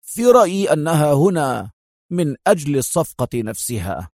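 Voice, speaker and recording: A man voicing a stern older intelligence director who speaks sharply and forcefully, in an audiobook. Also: on the high side, very animated, normal speed, no echo, studio quality. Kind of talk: audiobook character voice.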